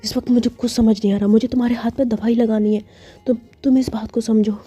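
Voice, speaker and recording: A woman's voice: fairly high pitch, flat delivery, quick pace, dark tone, slightly rough. A woman voicing an anxious, protective young woman who pleads and scolds in a storybook tale. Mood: urgent.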